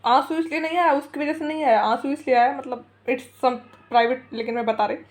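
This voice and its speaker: A woman's voice: sits high, brisk. A young woman vlogger telling a heated personal story in a casual, rambling way, mixing English phrases into her talk and laughing often. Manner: chatty, rambling, mixes English into Hindi.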